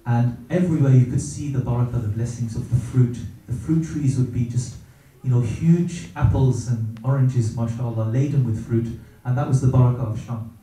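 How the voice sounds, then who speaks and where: A middle-aged man speaks in a deep, mellow, very dark tone, reverent and unhurried, often stopping on fillers as he gathers his thoughts. He sits at a distance from the mic, and a strong room echo surrounds each phrase. The delivery is a reflective religious talk. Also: fairly even intonation. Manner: gentle, reverent, hesitant with many pauses and fillers. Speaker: speaker sharing personal experience.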